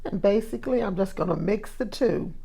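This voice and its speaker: A woman's voice: mid-range voice, brisk, creaky, dark tone, breathy edge. A woman chatting in a homey, casual way while demonstrating a recipe in her kitchen, with frequent fillers. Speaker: cooking vlogger.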